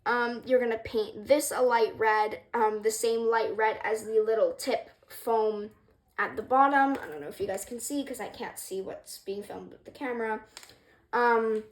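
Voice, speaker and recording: A woman's voice: fairly high pitch, steady tone, moderate pace. Rambling young woman with many ums. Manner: rambling, hesitant, many ums, self-deprecating. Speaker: craft creator. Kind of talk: casual tutorial vlog. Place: room with wooden floor, indoors.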